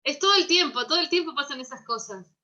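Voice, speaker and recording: A woman's voice: sits high, expressive, quick pace, muffled recording, a crowd in the background. A woman interviewer giving short, agreeing replies in conversation.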